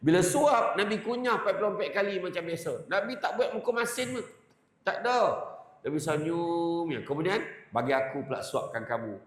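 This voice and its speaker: Comedic preacher, Malaysian Malay accent, fairly high-pitched male voice, roomy echo. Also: fairly quick. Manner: animated storytelling, acts out characters. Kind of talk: humorous religious lecture.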